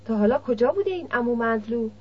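A shrewd, older village middleman probes and teases in his speech, read by a woman narrator. The voice is husky and sits a little high. The audiobook sound is dull and lo-fi. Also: lively intonation. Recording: dull lo-fi recording.

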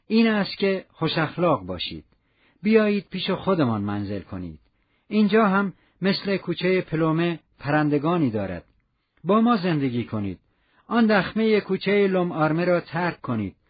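A man's voice: fairly high pitch, very animated, breathy edge. A man reading aloud who voices an affectionate, pleading young woman in a storybook reading. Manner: pleading, reproachful. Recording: dull lo-fi recording.

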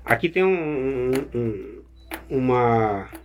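A man explaining cordel verse forms in casual chat, patient and halting, with many restarts. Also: medium pitch, lively intonation, dull audio, soft background music.

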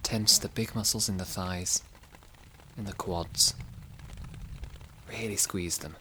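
A man guiding a relaxation exercise and narrating a sleep story in a slow, soft, soothing way. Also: low voice, fairly even intonation, a little hiss or hum, rough recording.

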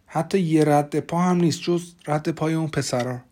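A man's voice: fairly high pitch, warm tone, natural voice. A man voicing a plain, dutiful deputy sheriff in an audiobook.

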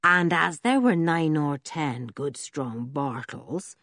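A woman voicing an old male village blacksmith who tells a story slowly and in a rustic way, with a husky voice. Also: low voice, expressive, a bit bright, dry recording, studio quality, heavily acted. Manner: slow, drawn-out, rustic storytelling. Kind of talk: audiobook character reading.

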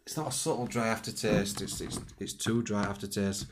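A man's voice: lowish voice, steady tone, background noise. A man co-hosting a podcast over wine, teasing and quizzing his friend in casual chat. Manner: teasing, quizzing, quick to laugh. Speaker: podcast co-host.

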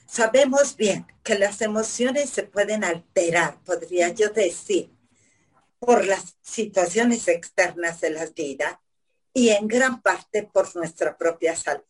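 A woman psychotherapist, explaining calmly step by step in an interview, often asking herself questions. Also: mid-range voice, slow pace, breathy edge, rough recording. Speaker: psychotherapist guest.

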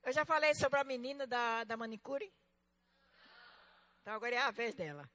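A woman leads a fervent Bible school lesson and tells her story with conviction. Her voice sits high and rings bright and sharp. She moves from loud exclamations to quiet asides. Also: moderate pace. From Northeastern Brazil.

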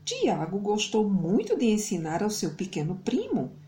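A Brazilian woman speaking as a kids show host, telling stories to small children in an animated, sing-song way. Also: mid-range voice, measured pace, a little hiss or hum.

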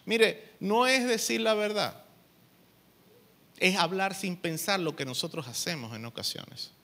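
A man delivers a Sunday sermon as pastor. His voice sits high and sounds bright and forceful. He preaches conversationally, pausing to ask whether his listeners understand. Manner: conversational preaching, often checks the congregation understands.

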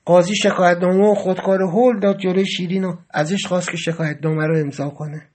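A man with a notably high-pitched voice tells a dramatic first-person story. His telling is vivid and emotional, swelling into agitated outbursts whenever he quotes what he said. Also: fairly even intonation, a little mellow.

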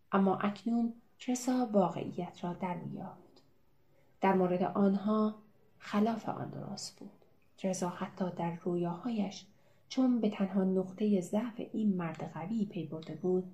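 Calm woman narrating an audiobook. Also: lowish voice. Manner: calm, even, measured reading. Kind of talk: scripted novel narration.

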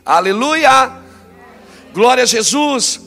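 A man preaching a sermon, swinging between loud exclamations and quiet, low passages. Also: animated, slow pace, vocal fry, in a large hall, soft background music.

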